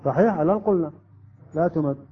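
A man's voice: fairly high pitch, fast talker. A man teaching a class, explaining rules step by step and often checking with students. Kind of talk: classroom lesson on Quran recitation rules. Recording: dull lo-fi recording.

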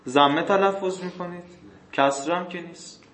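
A man with a fairly high, fairly bright voice gives a classroom lecture on grammar texts, reading passages slowly before explaining them faster. He asks his listeners questions and answers them himself, occasionally clearing his throat, in an echoey room.

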